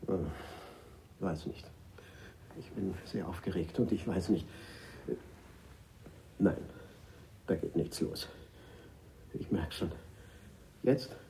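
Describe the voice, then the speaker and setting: An actor playing a chaste, panicky old ex-friar who stammers and sounds stuffed up from a cold. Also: male voice, low-pitched, slow pace, pauses often, warm tone, a little hiss or hum, poor audio. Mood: flustered. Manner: stammering, flustered, breathless outbursts.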